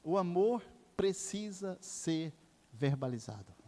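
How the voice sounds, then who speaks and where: Older Brazilian pastor preaching in echoing hall. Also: male voice, high-pitched, very animated, slow, mellow. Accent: Brazilian Portuguese. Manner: impassioned preaching with sweeping rises and drops. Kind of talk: sermon. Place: church sanctuary. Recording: long church hall reverb.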